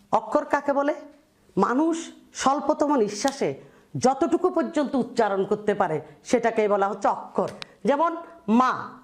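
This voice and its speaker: A woman's voice: high voice, darkish tone. A woman teaching a school class, who repeats key words and keeps checking that her students understand. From Bangladesh. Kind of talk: classroom lesson.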